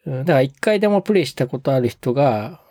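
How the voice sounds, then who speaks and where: On a casual podcast, this male co-host speaks with a dark, mellow voice whose pitch moves about lively, though he sounds courteous and a bit unsure, stopping on filler words. The audio is close and dry, with no room sound.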